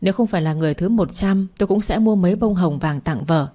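A woman's voice: fairly low pitch, quick pace, warm tone, natural voice. Woman reading as a humble grateful worker.

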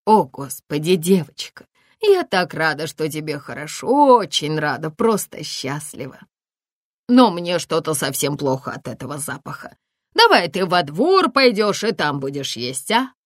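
A bossy but coaxing middle-aged village healer woman, as a female reader plays her. She talks in a motherly, persuading way with a lowish voice. The sound is close and dry. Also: sing-song, measured pace, dry recording, heavily acted. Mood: pleading.

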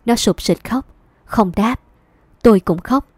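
A woman narrating a novel in the first person, in a steady storytelling manner. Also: a little high, a little slow, dry recording. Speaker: audiobook narrator.

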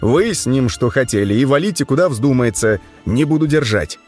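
A gruff, sardonic male vampire leader in an audiobook, read by a man in a middle-pitched voice. His manner is weary and cursing, with faint music under it. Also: animated, moderate pace, a little mellow, lightly acted.

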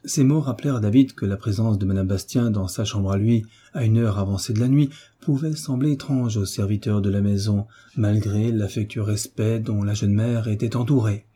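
Measured and even, a man's narration brings a classic novel to life as an audiobook. He speaks at a fairly low pitch with a breathy edge.

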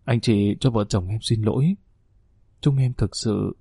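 A man's voice: on the low side, a little slow, gravelly, dark tone, husky, dry recording, studio quality, full character voice. A man doing an earnest, shaken father. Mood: apologetic. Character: shaken middle-aged father, apologetic.

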